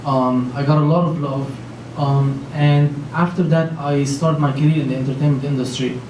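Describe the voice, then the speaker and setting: On a panel in a large conference room before an audience, a Lebanese founder in his thirties talks earnestly but rambles, full of fillers and restarts. His mid-range voice is steady, slightly mellow and at normal speed; the handheld-mic recording has its highs cut off and sounds echoey, far away and faintly noisy.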